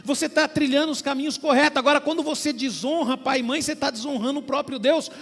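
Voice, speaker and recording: Male pastor, sermon delivery, high voice, reverberant church hall with faint music beneath. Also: fairly even intonation, fast, a bit bright. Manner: preaching with small acted-out dialogues and frequent "queridos".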